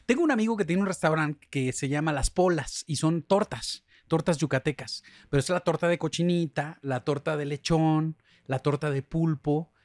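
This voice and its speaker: A man from Mexico with a Mexico City accent, a guest on a podcast telling stories in a relaxed, chatty way with filler words. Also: fairly high pitch, moderate pace, hardly any pauses, dry recording, clean studio sound. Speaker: singer-songwriter guest. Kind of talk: casual chat.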